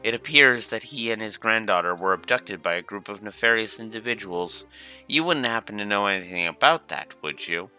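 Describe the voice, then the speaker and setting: A man plays a haughty woman of rank from a fantasy game. She is formal and condescending, in a bright, forceful low voice over faint music. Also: lively intonation, moderate pace. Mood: feigned concern. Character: polite, scheming, haughty woman of rank in a castle.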